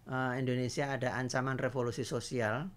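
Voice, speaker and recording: A man's voice: medium pitch, level tone, a little fast. An older man lays out his views in a casual political chat, earnest and emphatic. He lectures patiently and presses his points home. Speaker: father giving views on a livestream.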